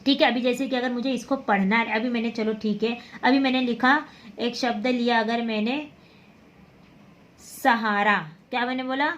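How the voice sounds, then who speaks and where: A woman's voice: on the high side, fairly even intonation, fairly quick. A woman teaching Hindi letters, patiently repeating words and checking understanding as she goes. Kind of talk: slow classroom explanation.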